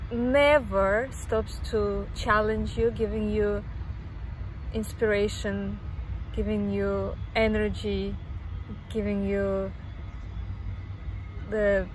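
A woman's voice: mid-range voice, darkish tone, a little hiss or hum, poor audio. A woman in her thirties from Kazakhstan, answering interview questions about dance outdoors, thoughtful and searching for her words. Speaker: dance teacher. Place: outdoors in a park.

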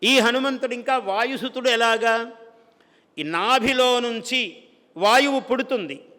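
A man's voice: very high voice, measured pace, pushed and bright, long reverb tail. A man from India giving a devotional discourse. He chants verses and then explains them plainly, often asking a question and answering it himself. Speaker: spiritual speaker.

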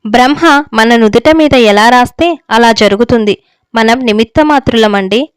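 A woman's voice: fairly high pitch, normal speed, clear, resonant tone, no room sound, natural voice. A woman reading as a pleading older mother. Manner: pleading, tearful. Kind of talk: story reading.

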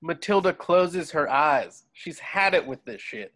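This narrator has a fairly high, slightly bright voice with lively intonation, and he reads a little slowly. He's voicing scene directions during an informal table read held over a video call from his home.

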